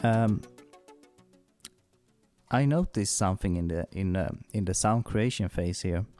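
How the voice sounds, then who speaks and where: A man's voice: fairly low pitch, measured pace, warm tone, faint music behind. A man giving a casual, hands-on gear demo, thinking aloud hesitantly, his voice heavily compressed on the microphone. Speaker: synthesizer demo presenter. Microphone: microphone through a compressor. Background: synthesizer tones.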